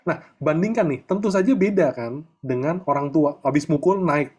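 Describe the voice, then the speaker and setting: A middle-aged man coaching a group in a relaxed, chatty way, often tagging his sentences with little fillers. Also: a little high, moderate pace, breathy edge. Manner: chatty, peppers talk with filler tags. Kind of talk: casual online coaching talk.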